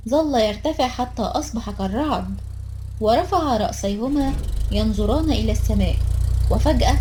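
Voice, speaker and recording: A woman's voice: fairly high pitch, mellow, slight background noise. Woman reading a storybook aloud. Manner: simple, clear reading. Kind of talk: storybook narration.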